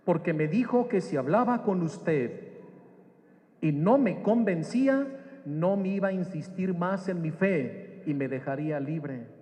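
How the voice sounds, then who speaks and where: A man's voice: on the high side, expressive, measured pace, dark tone, in a large hall. A man voicing an angry, stubborn tall young man in a story he tells. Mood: defiant. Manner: curt and defiant.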